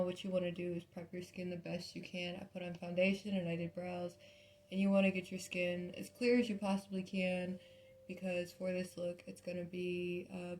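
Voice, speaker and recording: A young woman with a lowish, gravelly fry walks through a makeup tutorial in a casual, unpolished way. Her intonation stays fairly flat, and she speaks with a mouth still healing after wisdom teeth removal. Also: slight background noise. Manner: informal, apologetic, thinking aloud. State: mouth recovering from wisdom teeth removal a few days earlier.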